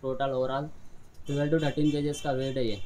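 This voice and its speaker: A man rambles through a casual vlog, circling back to the same points and calling everyone brother. He talks at an ordinary middle pitch, recorded outdoors on a phone with a faint hiss and open-air ambience behind him. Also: level tone, unhurried, dark tone, low-quality recording. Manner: rambling, repetitive, addresses viewers as bhai. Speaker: vlogger. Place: rooftop, outdoors. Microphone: phone camera.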